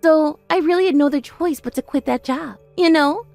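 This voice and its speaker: A woman's voice: high voice, fairly quick, vocal fry, a little mellow, soft background music. A woman playing a boastful, mocking older sister in her thirties in a scripted audio story, with a haughty, taunting manner. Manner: haughty, taunting, self-praising.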